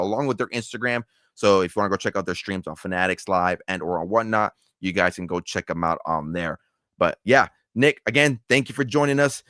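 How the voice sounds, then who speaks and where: Fast-talking, low-voiced male host. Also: a bit bright, no room sound, clean studio sound. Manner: fast, rambling, upbeat with fillers like "there". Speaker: podcast host. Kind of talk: casual chat.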